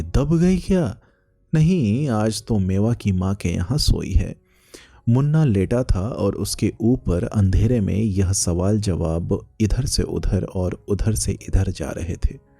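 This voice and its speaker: A man narrating a literary short story in a slow, measured storytelling manner. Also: low voice, warm tone, no room sound.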